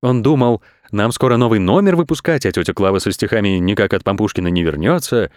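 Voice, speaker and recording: A man voicing a serious carousel director who speaks low and measured, in a storybook. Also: animated, a little mellow, no echo, clean studio sound, close to an everyday voice.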